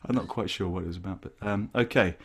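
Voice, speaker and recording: A man's voice: sits low, quick pace, husky. A man leading a community choir rehearsal over a video call, chatty and self-deprecating. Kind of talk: casual online choir rehearsal talk. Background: guitar playing.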